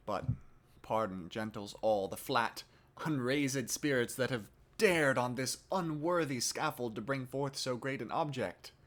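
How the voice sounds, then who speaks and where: A man playing a theatrical chorus narrator in a Shakespeare monologue rehearsal, declaiming with slow, swelling emphasis. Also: medium pitch, fairly bright tone. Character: theatrical male chorus narrator of a history play.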